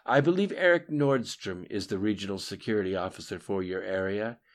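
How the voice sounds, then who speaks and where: A man doing a flat-toned female switchboard operator. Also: lowish voice, brisk, lightly acted. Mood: polite, formal. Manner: polite, flat, unchanging tone.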